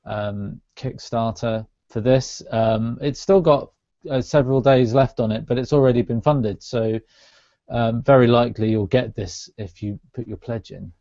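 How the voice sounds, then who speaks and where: A man co-hosting a casual podcast, presenting in a relaxed way with halting fillers. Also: medium pitch, vocal fry, no echo. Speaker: podcast co-host. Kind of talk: casual chat. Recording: dull, dry lo-fi call audio.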